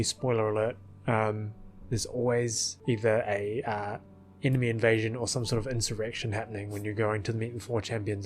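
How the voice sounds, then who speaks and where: A video creator and film editor rambles through casual commentary, tossing in chuckling asides. It's a close voice-over with music underneath, and his voice is lowish with a darkish tone.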